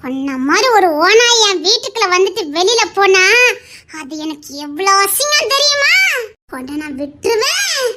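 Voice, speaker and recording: A high-voiced performer plays a fierce young man protecting his family, taunting and threatening an intruder in a Tirunelveli Tamil accent. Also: very animated, moderate pace, pushed and bright, heavily acted. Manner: taunting, menacing, mocking laughs. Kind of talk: family skit acting.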